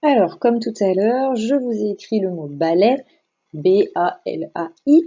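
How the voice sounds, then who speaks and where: A woman teaching a recorded phonics lesson to young children, speaking slowly and articulating each sound and syllable with care. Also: mid-range voice, expressive, mellow, husky. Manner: slow, careful, over-articulating sounds and syllables. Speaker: primary school teacher. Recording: slightly dull lo-fi voice recording.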